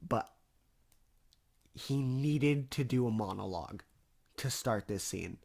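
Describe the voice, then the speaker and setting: Man, podcast co-host, casual animated storyteller, curses often. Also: medium pitch, slow, gravelly. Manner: animated, swears freely, acts out quotes.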